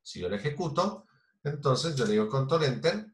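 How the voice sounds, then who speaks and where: A man's voice: medium pitch, animated, moderate pace. Roomy-sounding man teaching a class. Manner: patient, explains step by step with many fillers and restarts. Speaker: programming teacher. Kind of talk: recorded online class. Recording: roomy echo.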